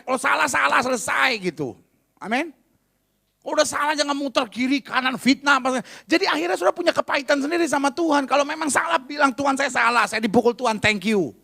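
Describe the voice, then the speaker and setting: A man's voice: extremely high pitch, quick pace, creaky, pushed and bright. A male pastor preaching a sermon in a conversational, humorous, emphatic way.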